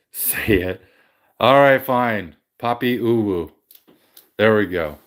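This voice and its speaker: A man's voice: on the low side, slow. A man hosting a casual livestream from his game room at home, greeting viewers and rambling through his collection with frequent restarts. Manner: rambling, self-correcting. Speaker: livestream host. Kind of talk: casual chat with live viewers.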